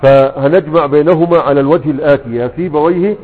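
A man's voice: fairly high pitch, fast, breathy edge. A man with an Egyptian accent teaching Arabic grammar, who keeps posing questions to the class and answering them himself. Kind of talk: grammar lesson explaining a classical text. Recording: tinny phone-like sound with long hall reverb.

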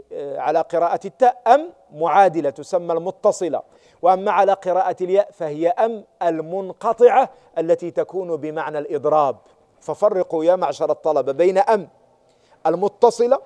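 A man with a high-pitched, mellow voice teaches a class on Quranic exegesis. He stresses and repeats key words and uses rhetorical questions to check that students are following.

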